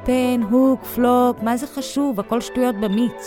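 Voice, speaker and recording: A woman's voice: a little high, fairly even intonation, music in the background, voice pushed up, natural voice. A woman voicing a stern, impatient father of three who blusters in exasperated outbursts, in a storybook reading. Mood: scolding.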